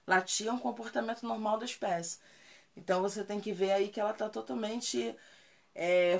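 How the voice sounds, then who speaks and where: Woman dog trainer on a live q&a, chatty and emphatic, mid-pitched voice, hammers her points home. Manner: emphatic, conversational, repeats key points for stress. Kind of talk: casual live Q&A answering viewer comments.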